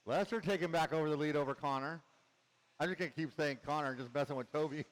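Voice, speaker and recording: A man's voice: on the high side, fast talker, in a large hall. A man running a club race, organizing marshals and giving casual live commentary, joking and calling out to drivers.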